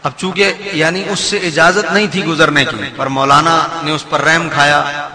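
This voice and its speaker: A man preaching in a mosque, explaining and asking the audience, with a crowd audible behind him. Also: fairly high pitch. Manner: animated, explanatory, asks the audience. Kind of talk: sermon with storytelling. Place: mosque hall. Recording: long hall reverb, crowd audible.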